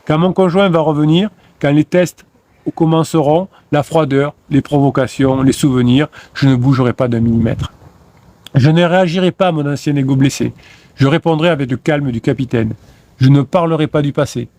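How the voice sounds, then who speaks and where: A man's voice: fairly high pitch, normal speed, mellow, dry recording. A man, a motivational coach, reciting first-person affirmations in a declamatory, repetitive way.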